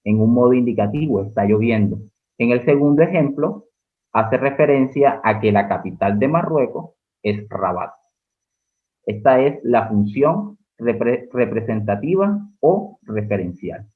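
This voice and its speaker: A man's voice: mid-range voice, lively intonation, a little slow. A male teacher with a Colombian accent giving an exam-prep lecture, explaining step by step and asking the class rhetorical questions. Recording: narrow phone-like audio.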